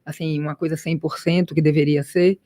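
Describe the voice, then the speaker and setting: A female ear, nose and throat doctor, appearing as an expert interview guest, explains things for a radio audience in a low, level, warm voice. She speaks briskly yet with careful, hesitant restarts, and the dry recording puts her close to the microphone.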